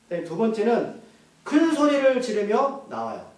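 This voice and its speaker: A male pastor delivers a sermon in church, posing questions to the congregation and answering them himself. His voice sits high with wildly swooping pitch, a moderate pace and a darkish tone, recorded from far off in an echoey church hall.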